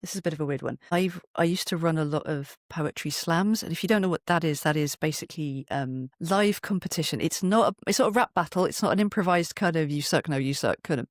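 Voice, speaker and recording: A woman in her fifties, a performer and poet, speaks conversationally as an interview guest, articulate and chatty, frequently acting out quoted remarks. Her voice sits low and moves fast with hardly any pauses, captured in studio quality with no room sound.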